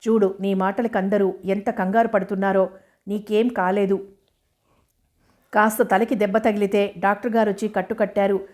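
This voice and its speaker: A woman's voice: medium pitch, little pitch movement, moderate pace, a little mellow, close to an everyday voice. A woman voicing a worried younger brother who coaxes and reasons with his older brother. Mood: coaxing. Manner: coaxing. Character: worried younger brother, pleading then firm.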